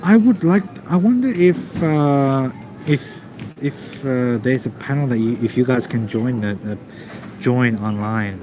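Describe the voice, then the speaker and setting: Male live streamer, mid-pitched, casual halting chat with viewers over noisy terminal ambience. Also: a little mellow. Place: busy airport waiting area. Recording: noisy airport background ambience.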